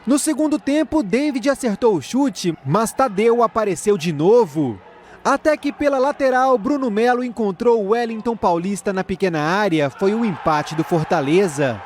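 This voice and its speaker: A Brazilian man narrating scripted football highlights. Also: lively intonation, moderate pace. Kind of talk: scripted sports recap.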